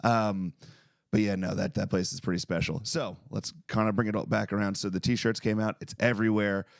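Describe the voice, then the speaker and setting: Gravelly low-voiced podcast host. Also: male voice, fairly even intonation, fairly quick, no echo, studio quality. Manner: rambling, enthusiastic. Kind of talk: casual chat.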